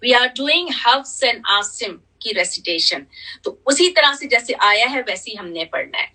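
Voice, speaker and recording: A woman's voice: a little high, animated, bright, forceful tone, recorded from a distance, rough recording. A woman teaching tajweed, patiently repeating letter sounds and mixing in English. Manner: patient, repeats sounds slowly, checks in with "theek hai"; switches between Hindi-Urdu and English. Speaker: Quran recitation teacher. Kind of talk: tajweed lesson with demonstrated recitation.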